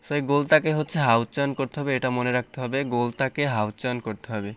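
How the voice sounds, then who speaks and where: A man teaching Quran reading, spelling out letters and reciting words slowly between plain explanations. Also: medium pitch, smooth.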